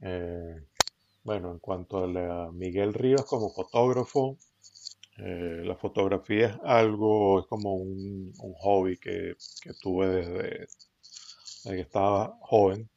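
A middle-aged man with a Venezuelan accent, telling his story as a podcast guest in a relaxed, rambling way with many fillers and restarts. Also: low-pitched, slow pace, gravelly. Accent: Venezuelan Spanish. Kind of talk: casual conversational storytelling. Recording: dull lo-fi recording.

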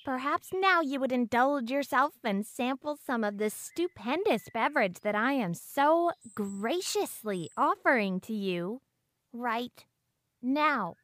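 A woman's voice: fairly high pitch, animated, takes it slowly, fairly bright tone, no room sound. A woman playing a pompous, coldly menacing fourteen-year-old girl who speaks in an overly formal, wordy and condescending way. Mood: smug, menacing. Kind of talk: audio drama acting.

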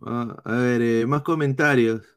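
A man with a Peruvian accent doing live football analysis, reading chat comments in a blunt, swearing style with halting restarts. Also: mid-range voice, fairly even intonation, clear, resonant tone. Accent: Peruvian Spanish. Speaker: football streamer.

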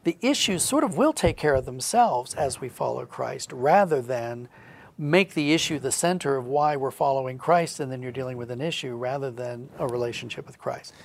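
A middle-aged man with a creaky, medium-pitched voice speaks at a normal pace as a guest in a conversational interview. He's an audio drama writer, reflecting on his work and acting out little quotes as he explains.

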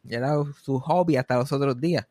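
Lively young man telling stories, dry sound. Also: mid-range voice, brisk, no echo. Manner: lively storyteller, swearing and mixing in English phrases. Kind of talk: casual chat.

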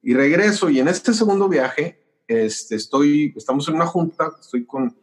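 A man's voice: fairly high pitch, normal speed. A middle-aged man with a Mexican accent, a pastor and musician telling his story in a casual interview and acting out the conversations. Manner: animated, acts out conversations while telling a story.

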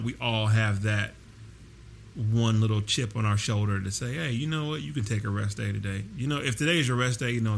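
A man hosting a casual solo podcast, talking directly to listeners in a conversational way. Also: medium pitch. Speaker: podcast host and personal trainer. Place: at home with air conditioning running. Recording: constant air conditioner hiss. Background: hissing air conditioner noise.

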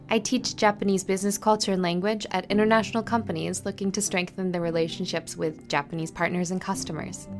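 A woman with a mid-range voice hosts a podcast lesson about Japanese business culture. Her teaching is clear and friendly, and she pronounces the Japanese phrases slowly and carefully.

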